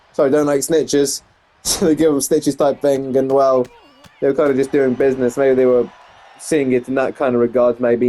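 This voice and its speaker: A man's voice: mid-range voice, warm tone. A young English man casually commentating a wrestling video game, rambling and correcting himself with frequent exclamations. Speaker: gameplay commentator.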